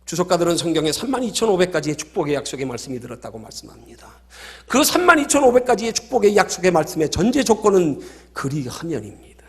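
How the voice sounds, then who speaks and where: A man's voice: sits high, sing-song, fast, fairly bright tone. A male pastor preaching a sermon, emphatic and full of stories.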